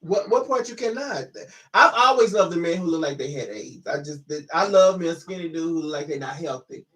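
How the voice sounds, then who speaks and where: A man hosting a casual comedy podcast with animated talk and bursts of laughter. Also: on the high side, a little fast. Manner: animated, loud laughing outbursts. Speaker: podcast host. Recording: distant from the mic.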